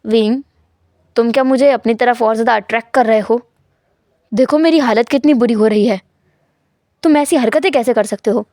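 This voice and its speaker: A woman voicing a cold, teasing, dominant young husband in a storytelling fan fiction, speaking low, calm and insistent. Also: normal speed, pauses often, dry recording, clean studio sound, lightly acted.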